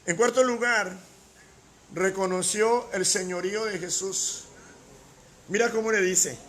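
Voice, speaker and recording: A man's voice: high voice, steady tone, measured pace, fairly bright tone, slight background noise. A man preaching a sermon as pastor, emphatic, with rhetorical questions and repeated key words.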